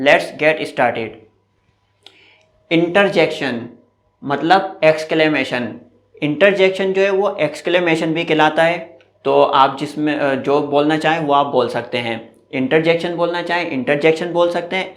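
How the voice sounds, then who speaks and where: A man teaching an English grammar lesson slowly and deliberately, mixing in English example phrases. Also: a little high. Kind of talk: slow classroom-style lesson. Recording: echoey room.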